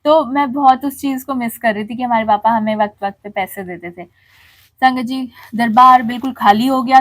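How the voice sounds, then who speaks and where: A middle-aged woman telling an emotional, heartfelt devotional testimony to a congregation. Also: a little high.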